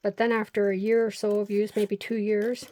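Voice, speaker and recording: Here the older crafting-channel host chats and rambles through anecdotes while gluing paper, mostly talking to herself. Her mid-range voice stays level at a moderate pace, with a darkish tone.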